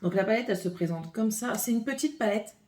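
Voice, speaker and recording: A woman's voice: medium pitch, lively intonation, fast, background noise. A woman vlogger filming a casual makeup haul at home on her phone, chatting and thinking aloud as she opens and swatches products. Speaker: beauty vlogger. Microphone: phone camera.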